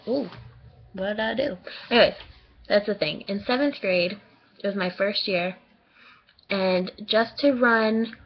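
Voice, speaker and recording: Slow-talking young woman on a muffled recording. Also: mid-range voice, creaky. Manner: chatty, excitable, rambling with many fillers and restarts. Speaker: vlogger. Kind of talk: casual late-night video diary.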